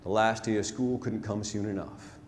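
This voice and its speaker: A man with a lowish, steady voice speaking at normal speed delivers a rhymed narrative ballad as a storyteller on a theatre stage. His telling is emphatic, folksy and dramatic, recorded live amid noise and hall reverb.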